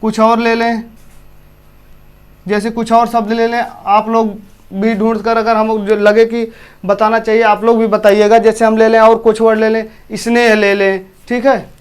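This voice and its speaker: Male teacher, eastern Uttar Pradesh accent; high, clean voice; repeats himself and questions the class. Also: flat delivery, normal speed, smooth. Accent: Hindi, from eastern Uttar Pradesh. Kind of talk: classroom lesson.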